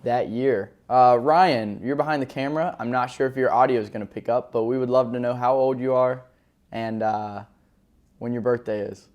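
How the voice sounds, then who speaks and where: A man's voice: mid-range voice, fairly even intonation, normal speed, a little mellow. A man in his twenties co-hosting a podcast in a casual, upbeat chat, laughing easily. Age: 20s. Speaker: podcast co-host. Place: indoor room, filmed by a cameraman.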